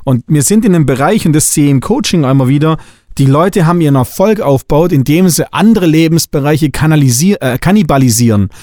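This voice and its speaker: Emphatic German coach, dry close sound. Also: male voice, a little high, animated, a little fast, dark tone, no room sound. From Swabia, Germany. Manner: emphatic, blunt, repeats key points. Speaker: podcast host and coach. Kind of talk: spiritual coaching podcast monologue.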